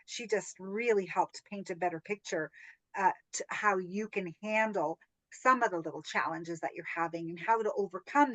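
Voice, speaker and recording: A woman hosts a relaxed group coaching call over video. She tells stories in a chatty, animated way, laughs often and keeps checking in with "right?" Her voice is recorded close and dry, with little room sound. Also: on the low side, no echo, low-quality recording. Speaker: business training host.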